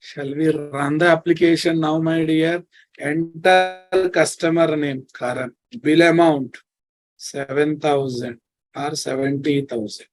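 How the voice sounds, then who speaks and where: A man's voice: a little high, fairly even intonation, slow pace, dry recording, soft background music, poor audio. A man with a Telugu Indian accent teaching a live coding lesson, repeating his phrases and often checking in with his students. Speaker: programming teacher.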